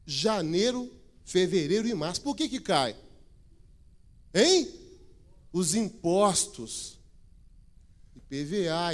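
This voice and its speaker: Chatty pastor giving church notices. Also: male voice, high-pitched. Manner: chatty, joking with the congregation. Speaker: regional pastor. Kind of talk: church announcements and preaching.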